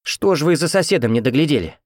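A man voicing a bossy, shrill older female head nurse who barks and scolds orders. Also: animated, fast, darkish tone, no room sound, studio quality, natural voice. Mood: reproachful.

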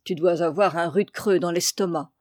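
A woman voicing a talkative old farm wife who speaks briskly and exclaims often. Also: lowish voice, a little mellow, dry recording, clean studio sound, natural voice. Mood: coaxing. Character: old farm wife, chatty and warm-hearted.

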